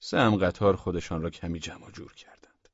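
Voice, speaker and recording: A male audiobook narrator reads in a low, husky voice with warm, measured pacing, sometimes dropping to near-whispers. The recording is dry and slightly dull, without much room sound. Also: no echo.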